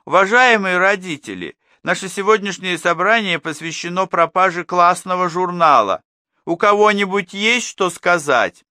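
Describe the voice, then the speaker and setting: A loud, piercing schoolteacher woman, pitched far up and squealing at the parents. Her indignant, shrill voice has a bright, sharp edge, sounding close and dry, as a male reader puts her on. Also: animated, normal speed, dry recording. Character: shrill indignant female schoolteacher, middle-aged. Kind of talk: audiobook character voice.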